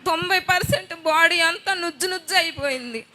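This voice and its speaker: High bright woman giving a testimony. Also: brisk. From Andhra Pradesh, India. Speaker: testimony giver. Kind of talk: personal testimony.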